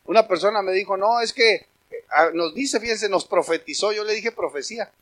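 A man delivers a sermon from the pulpit. His voice sits high for a man. He preaches with emphasis, turning to the congregation and calling them brothers. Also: normal speed, a bit bright. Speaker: pastor.

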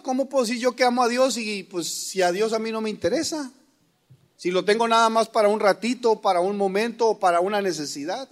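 Middle-aged Mexican preacher, high voice, folksy and joking sermon delivery. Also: male voice. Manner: folksy, joking, addresses listeners as brothers. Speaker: pastor.

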